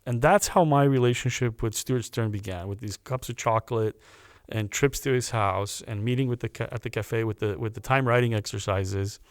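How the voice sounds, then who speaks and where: A man, a guest on a podcast, telling a personal story in a casual, animated way, often stopping to restart a phrase. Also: medium pitch, moderate pace, clean tone, no room sound, clean studio sound. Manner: animated anecdote teller with restarts.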